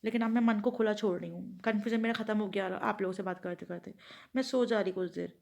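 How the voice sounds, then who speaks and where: A woman's voice: mid-range voice, fairly even intonation, quick pace, creaky, darkish tone. A woman vlogging casually at home, thinking aloud and rambling to her viewers. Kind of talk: casual chatty home vlog.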